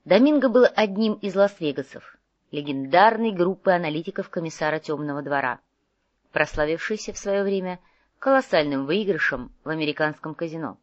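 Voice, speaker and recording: A woman reading a fantasy novel aloud in measured, even storytelling. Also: low-pitched, no room sound, highs cut off. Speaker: audiobook narrator. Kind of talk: scripted narration.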